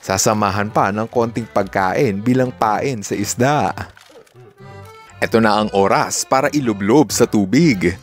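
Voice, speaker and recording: A man's voice: lowish voice, a little slow, faint music behind. A man, hosting and narrating scripted voice-over, upbeat and mixing English asides into his commentary. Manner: upbeat, with Taglish asides and reactions. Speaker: host.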